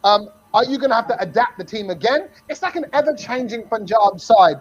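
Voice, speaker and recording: A man with a strikingly high voice hosts a live cricket fan show, bouncing along with playful, teasing energy. The sound is dull and lo-fi. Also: expressive, brisk. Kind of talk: lively live-stream chat.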